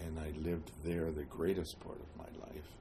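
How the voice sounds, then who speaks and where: An elderly American man from New Jersey reminisces about his life in an interview, halting often with long pauses and hesitations. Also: a bass voice, flat delivery, noisy background. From New Jersey, United States. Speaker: oral history interviewee. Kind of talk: reminiscing, telling life story.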